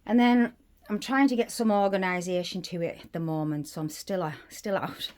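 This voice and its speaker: A woman's voice: fairly low pitch, normal speed, a little mellow. A woman giving a casual tour of her craft room, rambling as she lists her supplies, a little out of breath. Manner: chatty, rambling, listing items as she goes. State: slightly out of breath. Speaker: crafting vlogger. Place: small craft room indoors.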